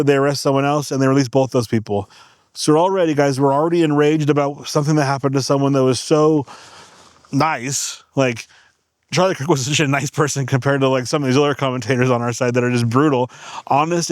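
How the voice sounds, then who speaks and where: A man's voice: on the high side, no echo, clean studio sound. A man hosting a casual monologue, rambling and checking in with his listeners. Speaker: channel host.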